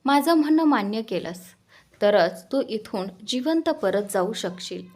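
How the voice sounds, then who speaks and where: Woman voicing threatening kidnapper guy, harsh and mocking, slightly husky. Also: a little high, lively intonation, unhurried, darkish tone. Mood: menacing.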